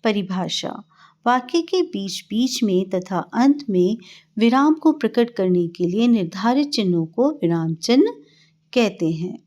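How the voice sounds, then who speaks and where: A middle-aged woman teaching a grammar lesson to children in a slow, explanatory classroom manner. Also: medium pitch, animated, mellow.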